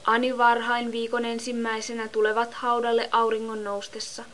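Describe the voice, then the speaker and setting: Woman reader for a Bible audiobook; measured, level and unhurried, with a slightly high voice. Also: slight background noise. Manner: steady, measured reading. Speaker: scripture reader. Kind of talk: Bible reading.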